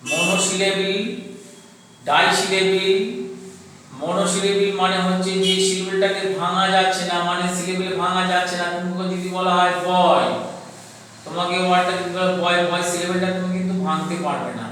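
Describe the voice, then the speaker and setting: A man's voice: high voice, a bit bright. A male teacher with a Bengali accent giving an online class lesson, explaining step by step and repeating definitions for his pupils. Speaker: school English teacher. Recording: roomy echo, distant mic, faint background noise.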